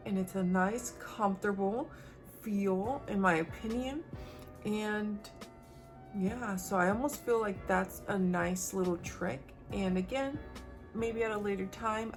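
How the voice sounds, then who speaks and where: A woman beauty vlogger chatting upbeat to her viewers at home as she reviews makeup. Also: mid-range voice. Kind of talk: casual makeup review to camera.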